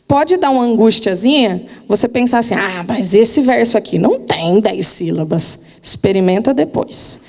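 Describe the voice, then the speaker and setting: A woman's voice: a little high, darkish tone, big-room sound. A literature teacher, giving a casual, chatty lesson and often asking her students if they are following. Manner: chatty, informal, asks listeners for agreement.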